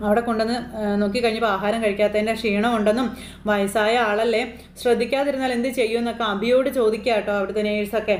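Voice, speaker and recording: A woman's voice: a little high, steady tone, racing. A woman casually retelling a TV serial episode in a chatty way, with asides to the listener. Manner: chatty, tag-question asides. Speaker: serial recap narrator. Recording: roomy with faint noise.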